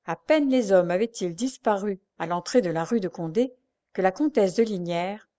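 A woman reading a classic novel aloud as narrator, steady and measured. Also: mid-range voice.

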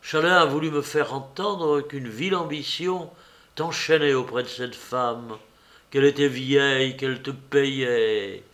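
A man reading the lines of a proud, heartbroken young woman in a hushed, pained tone. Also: medium pitch, steady tone, unhurried, close to an everyday voice. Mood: bitter.

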